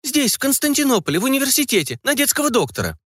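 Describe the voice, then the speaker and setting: A man voicing a colonel's young daughter, high-pitched and pleading, in a dry, close recording. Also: lively intonation, fast, fairly bright tone, no room sound. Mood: eager.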